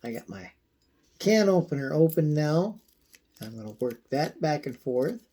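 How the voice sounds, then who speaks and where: A man giving a casual, folksy how-to demonstration, his voice thin and squeaky from a coming cold. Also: very animated, warm tone. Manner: folksy, unhurried, frequent throat clearing. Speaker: video host demonstrating pocket knife care.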